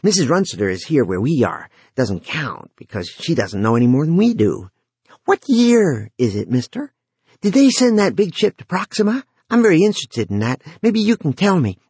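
A man's voice: on the high side, big pitch swings, moderate pace, a little mellow, slightly rough, dry recording, pitched above the performer's own voice, full character voice. A man voicing a lonely, pushy dead teenage boy who talks eagerly and insistently. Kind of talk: audiobook character voice.

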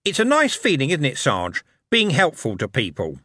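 A jittery, scruffy little corporal rushes his words out, eager to please, as a man puts him on. His voice sits higher and swoops widely, heard dry and close. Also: huge pitch swings, pushed and bright, dry recording, full character voice. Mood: nervous. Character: nervous scruffy male watch corporal.

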